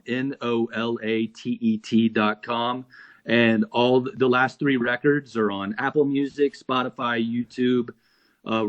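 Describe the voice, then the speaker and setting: A man with a mid-range voice, guesting on an interview about his jazz band. He speaks earnestly and turns animated when telling road stories. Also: medium pitch, dull audio. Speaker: touring jazz musician, guest. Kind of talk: casual interview.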